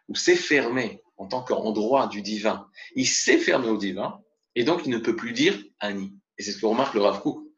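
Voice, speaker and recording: Gravelly man teaching a religious lesson. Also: medium pitch. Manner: expressive, mixes Hebrew terms into explanations. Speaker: Torah teacher. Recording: dull lo-fi recording.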